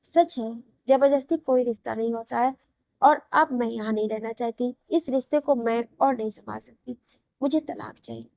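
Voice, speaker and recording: A woman's voice: on the high side, moderate pace, gravelly, mellow, no room sound, clean studio sound. A woman voicing a desperate young wife who pleads through tears in a read-aloud audio story. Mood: pleading, tearful. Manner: pleading and crying.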